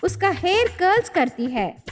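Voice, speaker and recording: A woman narrating a storybook cartoon in a plain, measured way. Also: very high voice, big pitch swings, soft background music.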